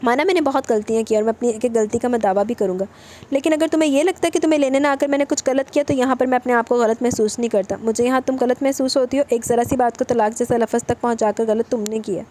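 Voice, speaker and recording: A woman's voice: fairly high pitch, dark tone, lightly acted. A woman voicing a brooding young husband in a romance novel reading, earnest and lecturing. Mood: reproachful.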